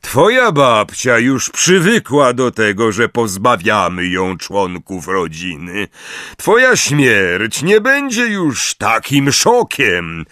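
A man's voice: mid-range voice, huge pitch swings, slow, sharp tone, dry recording, studio quality, heavily acted. A man voicing a cold, sneering aristocratic wizard who drawls mockingly.

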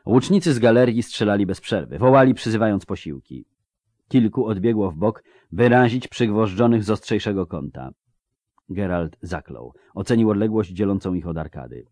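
Low-voiced man narrating an audiobook. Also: expressive, moderate pace, a little mellow, no echo, clean studio sound. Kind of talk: scripted narration.

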